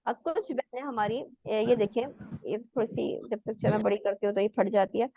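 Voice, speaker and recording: A woman with a somewhat high voice leads an online recitation class, explaining patiently and demonstrating each sound herself. The recording is dry and close, with no room echo. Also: moderate pace, mellow. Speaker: Quran recitation teacher.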